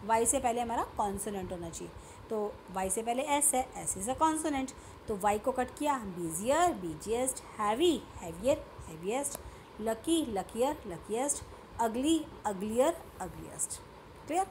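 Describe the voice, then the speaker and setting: A woman's voice: fairly high pitch, animated, slow pace, darkish tone, a little hiss or hum. A woman with an Indian English accent teaching a grammar lesson, mixing Hindi and English and often checking whether her students have understood.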